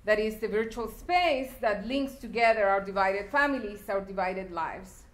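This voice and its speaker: A woman's voice: mid-range voice, animated, moderate pace. A woman from El Salvador giving a public talk about her art installations, speaking reflectively with fillers and restarts. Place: lecture hall. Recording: echoey lecture hall.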